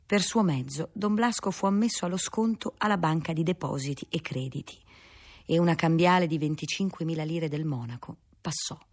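A woman narrating a classic novel in a measured, steady reading voice, husky in tone. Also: deep voice.

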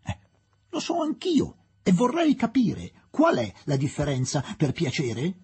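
A man reading an audiobook and voicing an eager young English woman who argues in an excited, insistent way. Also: a little high, measured pace, husky, voice pushed up, heavily acted.

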